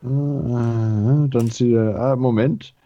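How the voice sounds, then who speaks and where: A man's voice: medium pitch, fairly even intonation, extremely slow, warm tone, highs cut off. A man reading the text of a game aloud to a fellow player, stumbling and commenting as he goes. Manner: reads long passages aloud, stumbles and comments. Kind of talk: let's-play reading and chat.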